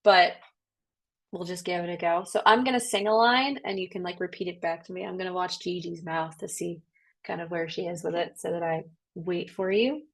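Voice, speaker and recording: A woman with a trained soprano voice leads a voice workshop over a video call. She talks in a chatty, upbeat way, full of encouragement and relaxed fillers. She sounds like a coach guiding a group. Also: fairly low pitch, normal speed, creaky. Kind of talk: online voice workshop instruction.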